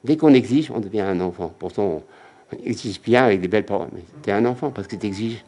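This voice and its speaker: A man's voice: lowish voice, brisk, warm tone. A man giving a religious lecture as a rabbi, emphatic and repetitive, often acting out quotes.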